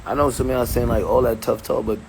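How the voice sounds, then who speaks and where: A man's voice: medium pitch, fairly even intonation, fast talker, gravelly, low-quality recording. A man chatting casually outdoors, rambling loosely with lots of fillers and laughs. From Jamaican. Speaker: streamer host. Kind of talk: casual vlog chat. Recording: loud outdoor noise.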